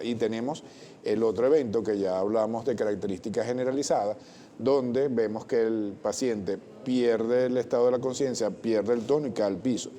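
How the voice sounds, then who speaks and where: Mellow-voiced doctor explaining. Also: male voice, medium pitch. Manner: measured, technical, with frequent self-corrections. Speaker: pediatric doctor guest. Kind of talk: explanatory television interview.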